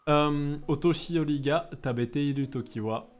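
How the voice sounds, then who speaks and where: A man's voice: fairly high pitch, moderate pace, faint music behind. A young man from Bordeaux, a Japanese teacher, gives a casual livestream lesson in a chatty, hesitant way with many fillers. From Bordeaux, France.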